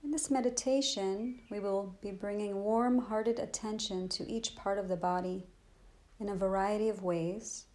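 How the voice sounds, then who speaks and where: A woman leads a guided body scan meditation, speaking gently and soothingly at an unhurried pace with long pauses. Her voice is medium in pitch with fairly even intonation.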